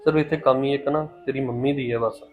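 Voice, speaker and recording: Male actor as a gentle, coaxing husband; tinny audio with flute music. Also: medium pitch, fairly even intonation, a little fast, natural voice. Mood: persuasive. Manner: gently persuasive. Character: calm husband urging his wife inside.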